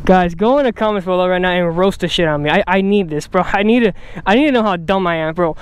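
Out in the open with just a camera mic, a young man chats casually to his viewers, cursing and ribbing himself through the pain. He has a high voice, talks fast, and the recording sounds clean.

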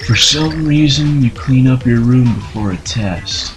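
A man's voice: mid-range voice, unhurried, natural voice. A man voicing a spacey, laid-back male stoner bomb creature in a video game, drawling slangy lines and tossing in made-up explosion noises, with game music playing behind.

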